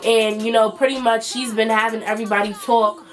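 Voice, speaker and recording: A woman in her twenties hosts a vlog, chatting loosely with plenty of fillers in a stuffy, nasal voice. Her casual commentary is high-pitched, a bit fast, with little pitch movement.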